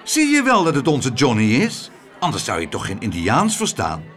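A man voicing an excitable, fussy rich lady who speaks eagerly. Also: mid-range voice, normal speed, soft background music, a faint crowd.

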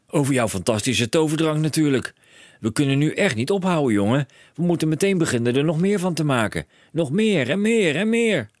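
Storybook dad voiced by a man: high, yelling, manic, lively swings, dry close sound. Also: brisk, no echo, close to an everyday voice. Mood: overexcited. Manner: shouting, breathless overexcited rants. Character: excitable bellowing middle-aged father, inventor-mad. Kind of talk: audiobook character voice.

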